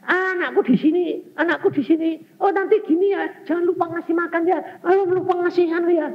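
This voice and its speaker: A man's voice: fairly even intonation, fairly quick. A man voicing a doting older mother who fusses over her grown son, in a reverberant hall. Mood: fussing. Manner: high fussing falsetto. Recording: dull recording in a reverberant hall.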